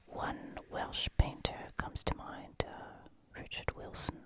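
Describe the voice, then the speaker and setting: An ASMR host in a croaky, soft unvoiced whisper, musing over paintings while paging through a book and reading passages aloud. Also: slow pace.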